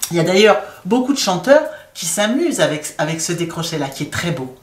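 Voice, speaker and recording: A woman's voice: on the low side, very animated, fairly quick, recorded from a distance. A woman teaching singing, explaining vocal registers and breaking into short sung demonstrations. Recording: echoey room, voice a bit off mic.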